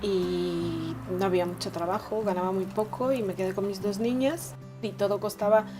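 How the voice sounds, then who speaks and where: Soft-spoken Ecuadorian woman telling her story. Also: mid-range voice, steady tone, moderate pace, over music. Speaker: interviewee, migrant worker. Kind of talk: personal testimony.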